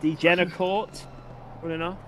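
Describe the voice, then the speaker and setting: A man on team voice chat during a sim race, reacting with animated, excitable exclamations. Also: high-pitched, normal speed, slight background noise. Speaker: team driver.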